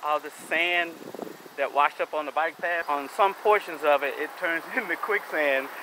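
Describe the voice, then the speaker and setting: A man's voice: on the high side, moderate pace. A middle-aged man casually narrating his bike ride outdoors on a wooded creek trail, rambling and chuckling a little nervously, recorded on an action camera. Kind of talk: casual narration while cycling. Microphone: helmet or handheld action camera. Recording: outdoor camera mic with clear wind and road noise.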